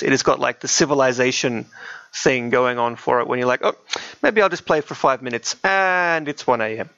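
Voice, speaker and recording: Talking video games on a podcast, this co-host has a mid-range voice that's a bit bright. He's chatty, with a dry sense of humor, and the home recording comes across as muffled and roomy.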